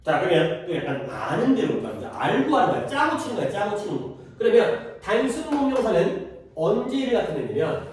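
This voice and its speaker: A man's voice: sits high, sing-song, fairly quick. A male teacher giving a classroom grammar lesson, quizzing his students and repeating key terms. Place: classroom at a cram school. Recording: echoey classroom, voice from far off.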